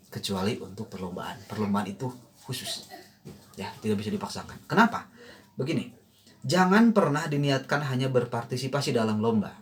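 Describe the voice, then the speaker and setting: A man teaching choir in a relaxed online lesson, talking at a middle pitch and thinking aloud with plenty of fillers. Now and then he breaks into a few sung notes to demonstrate, over a faint hiss in the background. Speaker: choir coach.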